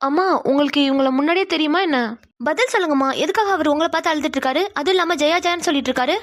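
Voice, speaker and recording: A woman's voice: high-pitched, very fast, dry recording, lightly acted. A woman voicing a curious young woman in a cartoon who keeps questioning her mother. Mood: puzzled. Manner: persistent questioning. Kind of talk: cartoon voice acting.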